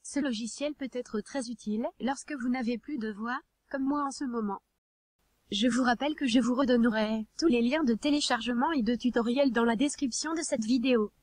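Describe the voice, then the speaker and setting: A synthetic text-to-speech woman's voice reading scripted tutorial narration in an even, neat, instructional way. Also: fairly high pitch, a little fast, dry recording. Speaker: narrator of a hobby tutorial video.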